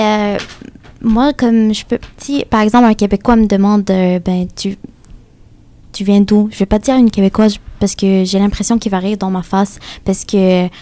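A woman's voice: medium pitch, mellow. A young woman speaking candidly but hesitantly in a casual discussion. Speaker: panel guest.

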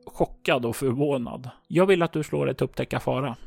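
Male game master; measured, descriptive narration at a mid pitch, with soft music in the background. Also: vocal fry, slightly rough, dry recording.

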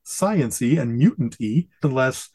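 A man's voice: medium pitch, expressive, unhurried, darkish tone, slightly rough, no room sound. Brief: man, podcast co-host, casual rambling chat, enthusiastic, dead-dry recording. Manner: enthusiastic, rambling, quotes catchphrases with relish.

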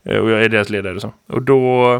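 A man's voice: lowish voice, creaky, smooth, no echo. Dry, close-miked man telling a rambling story. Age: 30s. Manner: lively rambling storyteller, many fillers. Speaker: podcast co-host and teacher. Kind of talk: casual podcast chat.

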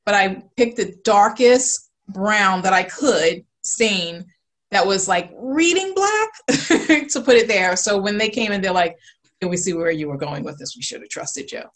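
A woman's voice: medium pitch, animated, measured pace. Woman guest on a video call, gushy, lots of likes and ums. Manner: gushing, full of fillers like "like" and "um". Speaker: interior designer guest. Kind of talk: casual interview.

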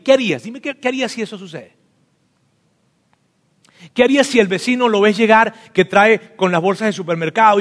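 A man preaching to parents, animated and often acting out talks with his children, repeating words for emphasis. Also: high voice. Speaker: pastor. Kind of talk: sermon to parents. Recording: long echo of a hall.

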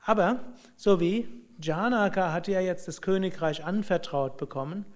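A man telling a spiritual story and drawing lessons from it, in a reflective, unhurried way with musing hums. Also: high voice. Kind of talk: spoken storytelling and teaching.

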